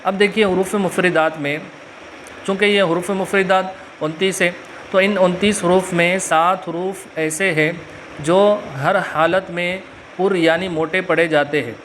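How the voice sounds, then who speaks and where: A man with a Pakistani Urdu accent teaching a religious lesson and stretching out letter sounds slowly, with filler pauses. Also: high voice, steady tone, fairly bright tone, slight background noise. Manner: slow drawn-out letter recitation with frequent filler pauses. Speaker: Quran reading teacher. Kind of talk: religious lesson with Arabic invocations.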